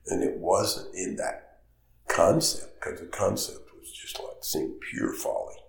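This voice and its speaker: An older man, a guest, telling rambling anecdotes with quoted dialogue in a relaxed interview, recorded in an echoey room. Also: deep voice, unhurried, gravelly. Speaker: golf course architect guest.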